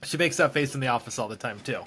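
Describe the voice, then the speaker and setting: A man's voice: medium pitch, fast, fairly bright tone, slight background noise. A man hosting a real estate podcast, chatting casually with a guest, joking and running through market figures. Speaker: podcast host.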